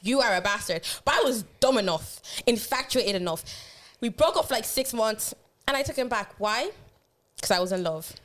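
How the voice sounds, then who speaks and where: A young woman, telling a story in animated, slangy podcast chat. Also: fairly high pitch, moderate pace. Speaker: podcast co-host.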